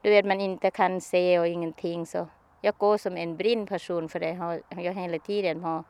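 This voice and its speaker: This woman tells an interviewer about a personal experience, stopping and restarting her plain sentences frequently. Her voice sits lowish, smooth and slightly mellow, with fairly even intonation.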